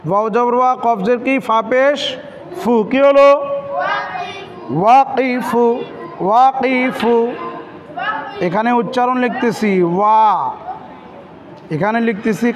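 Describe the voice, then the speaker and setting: High-voiced man teaching children. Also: steady tone, moderate pace, long pauses. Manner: spells out letters and repeats words; asks questions and answers them himself. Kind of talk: children's lesson. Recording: dull lo-fi with loud noise.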